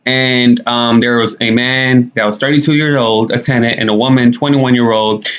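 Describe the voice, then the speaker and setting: Casual young man, medium-pitched voice. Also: fairly even intonation, normal speed, fairly bright tone, highs cut off. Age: young adult. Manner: conversational, slangy. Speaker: YouTube commentator. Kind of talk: casual news commentary to camera. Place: small indoor room.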